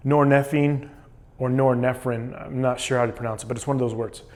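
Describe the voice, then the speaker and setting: A man documents his cold plunge challenge in a vlog, chatting and explaining as he sits in ice-cold water. He speaks at a racing pace in a level, mid-range voice with a slightly mellow quality.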